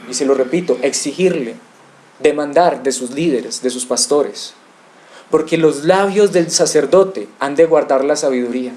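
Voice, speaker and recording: A man's voice: fairly high pitch, mellow. A male pastor preaching an expository sermon, asking rhetorical questions and addressing the congregation directly.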